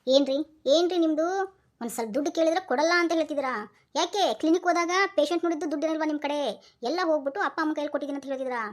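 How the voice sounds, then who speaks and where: A woman's voice: high voice, racing, lightly acted. A woman voicing a bossy, wheedling cartoon wife. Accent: North Karnataka Kannada. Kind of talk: cartoon voice acting.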